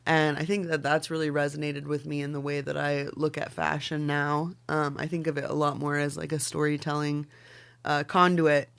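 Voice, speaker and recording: A woman in her forties from Oregon in the Pacific Northwest, a fashion designer appearing as a podcast guest. Her voice is deep, gravelly and a bit bright with a clean tone, delivered flatly at normal speed. She chats loosely and casually, full of "like"s and fillers, and swears now and then.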